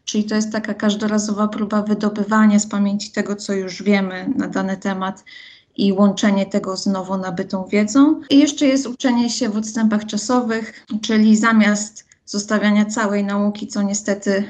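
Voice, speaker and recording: A woman's voice: mid-range voice, flat delivery, moderate pace, darkish tone. A woman speaking as an expert psychologist, explaining in long, structured sentences. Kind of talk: explanatory interview answer.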